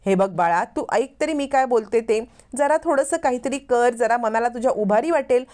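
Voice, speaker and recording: A woman voicing a gentle older mother who coaxes her daughter kindly. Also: fairly high pitch, animated, normal speed, lightly acted. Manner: gentle, coaxing.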